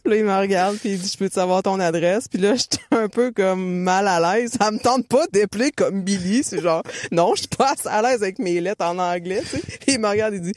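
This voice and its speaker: Quebec woman, easygoing co-host, mid-pitched, relaxed storyteller, dry close sound. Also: a little fast, hardly any pauses, no room sound. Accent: Quebec French. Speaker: podcast co-host, running coach. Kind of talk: casual chat, storytelling.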